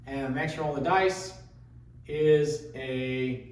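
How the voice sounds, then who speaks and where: A man giving a casual, unscripted demonstration as host, talking in a halting way as he thinks aloud. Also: fairly high pitch. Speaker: craps tutorial host. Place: echoey indoor room. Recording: echoey room, distant mic, faint noise.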